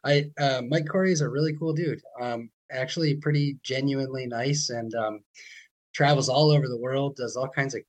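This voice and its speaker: A man's voice: mid-range voice, steady tone, moderate pace, poor audio. Chatty male podcast host. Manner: friendly, chatty, repeats words when starting. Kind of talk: casual podcast conversation.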